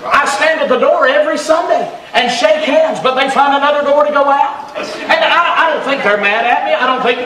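Man, pastor, revival sermon, fervent shouting, echoey church, distant mic. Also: very high-pitched, normal speed.

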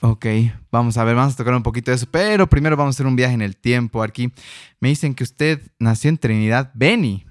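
A man's voice: mid-range voice, fast, dry recording. A male interviewer with a mid-range voice asks his questions and listens closely. He keeps the talk moving with short acknowledgements. The sound is dry and close. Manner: attentive, frequent short acknowledgements. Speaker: interviewer, host. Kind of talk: casual interview.

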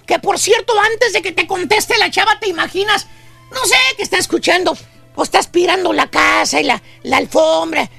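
Squeaky Mexican man spinning a comic rant. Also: normal speed, vocal fry, sharp tone, soft background music. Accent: Mexican Spanish. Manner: squeaky, exaggerated storytelling with calls to his "brothers". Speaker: radio comedy host. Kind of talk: comic radio monologue.

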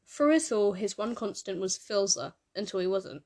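A woman's voice: mid-range voice, slight background noise. Woman reading a story aloud. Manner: measured, expressive storytelling. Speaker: narrator. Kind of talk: fan fiction reading.

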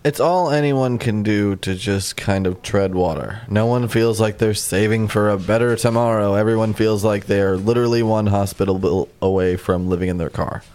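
A man's voice: fairly low pitch, steady tone, moderate pace, hardly any pauses, darkish tone. A man co-hosting a podcast, joking wryly and swearing freely in casual chat. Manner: profane, wry, joking. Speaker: podcast co-host.

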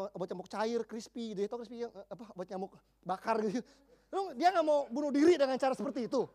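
A man in his forties, a pastor preaching a sermon, telling counseling stories in lively slang and acting out the people he quotes. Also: very high voice. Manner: animated storytelling, slangy, acts out the people he quotes.

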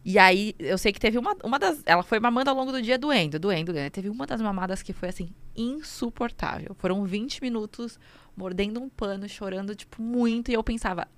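A woman's voice: mid-range voice, brisk. Young Brazilian-sounding mother telling her story. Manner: emotional, animated storytelling with quoted inner speech. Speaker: guest, new mother. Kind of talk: casual interview, personal story.

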